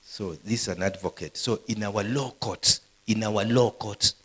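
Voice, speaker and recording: A man's voice: fairly low pitch, unhurried, fairly bright tone, slightly rough, low-quality recording. A man preaching a live sermon to university students, quizzing the audience with questions as he goes. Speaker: pastor. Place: university gathering.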